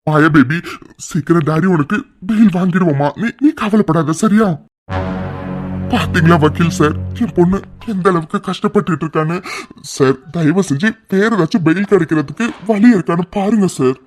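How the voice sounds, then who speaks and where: A man's voice: on the high side, normal speed, faint music behind, natural voice. A man voicing a doting middle-aged father in a cartoon, soothing his daughter and pressing for help. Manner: soothing, then demanding. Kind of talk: cartoon voice acting.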